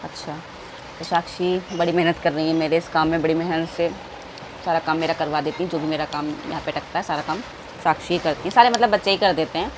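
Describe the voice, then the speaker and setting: Speaking at a quick pace, this family vlogger has a deep voice and a steady tone. She's an adult woman chatting fondly with her audience in a relaxed vlog indoors at home, where background noise fills the recording.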